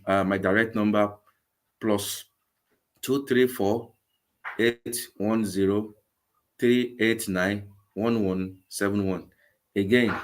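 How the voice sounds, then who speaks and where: A man in his forties with a Nigerian English accent, earnest and repetitive as he speaks over a video call. His voice sits fairly low. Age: 40s. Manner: earnest, repeats words often. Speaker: guest, vegan campaign organizer. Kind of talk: live interview.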